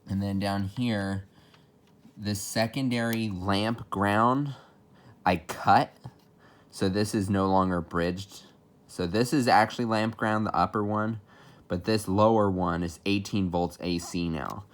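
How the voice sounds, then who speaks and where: A hobbyist shows off his equipment in a casual, unscripted technical walkthrough, explaining things in a matter-of-fact way. His voice is fairly low and steady, and he takes his time. Noticeable background noise and clicks run through the recording.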